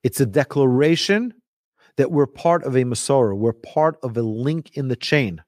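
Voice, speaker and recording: A man teaching religion like a rabbi, telling stories emphatically with rhetorical questions and deliberate repetition. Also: medium pitch, dry recording, studio quality. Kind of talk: lively religious lecture with storytelling.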